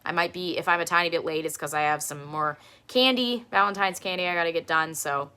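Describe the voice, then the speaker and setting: Speaking fairly quickly, a woman in her thirties hosts a relaxed show and tell stream from home, rambling, laughing a lot, and talking in a low voice. Her tone is bright, forceful and clean.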